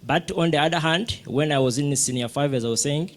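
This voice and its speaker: Sharing a personal story during a panel talk, this middle-aged Rwandan physicist keeps restarting sentences and filling pauses. His voice runs a little high and brisk.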